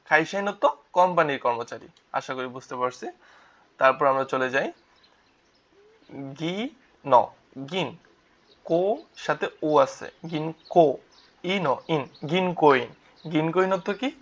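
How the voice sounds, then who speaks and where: Guy teaching vocab, kinda high voice, keeps asking then answering himself, muffled lo-fi audio. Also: a bit bright. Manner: repeats words, asks and answers his own questions. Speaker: Japanese language teacher. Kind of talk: vocabulary lesson with spelled-out syllables. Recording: dull lo-fi recording.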